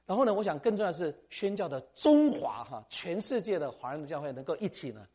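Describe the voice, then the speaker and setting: A middle-aged man preaching, lively and conversational. He tags his sentences with a chatty "ha" and drops English phrases into his talk. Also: fairly high pitch, quick pace, husky, dull audio. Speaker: missionary speaker. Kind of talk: sermon.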